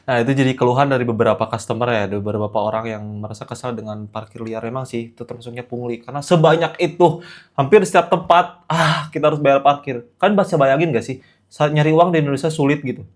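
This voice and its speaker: A man's voice: mid-range voice, fast talker. Earnest young man vlogging casually. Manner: earnest, reflective, casual slang. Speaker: vlogger host. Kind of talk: casual vlog commentary.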